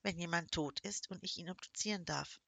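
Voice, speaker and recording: A woman's voice: on the low side, a little fast, vocal fry, a bit bright, dry recording. A woman voicing a young forensic assistant who speaks in a cool, curt and sarcastic way.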